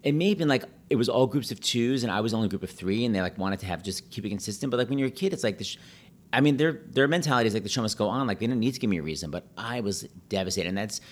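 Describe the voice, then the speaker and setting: A middle-aged man telling stories in a casual, animated chat, full of "like" and quick asides. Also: lowish voice. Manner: chatty, animated, peppered with "like".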